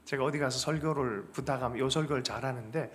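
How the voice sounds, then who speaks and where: A male pastor preaching a Sunday sermon to his congregation, acting out quoted lines, asking the congregation to answer back, and building up to loud, emphatic high points. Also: fast talker. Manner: chuckles and calls on the congregation to respond. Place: church sanctuary with congregation.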